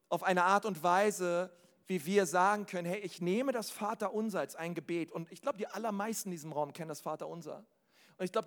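A man preaching to a congregation in a casual, direct way, often asking the crowd if they follow, swinging between loud calls and quiet asides. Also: sits high, long reverb tail. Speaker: pastor. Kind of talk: lively sermon to a congregation. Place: hall with a live congregation.

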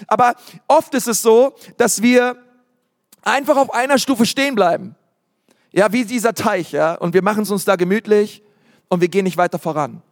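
A pastor preaches in a casual, energetic way at normal speed, his voice high for a man. He imitates congregants in put-on voices and uses lots of fillers and English words. A long, ringing reverb fills the church hall.

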